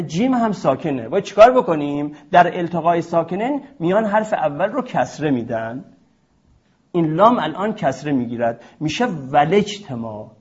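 A man teaching a class at a board, explaining a rule step by step and posing questions to his students. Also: a little high. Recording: dull lo-fi recording.

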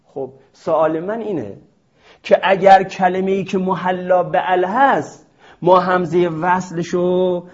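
A man's voice: sits high, steady tone. A man teaching a class at a board, explaining a rule step by step and posing questions to his students. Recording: dull lo-fi recording.

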